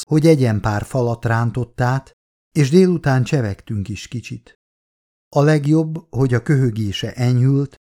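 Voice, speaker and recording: A man narrating a novel in the first person, in a calm, measured way. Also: medium pitch. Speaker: audiobook narrator.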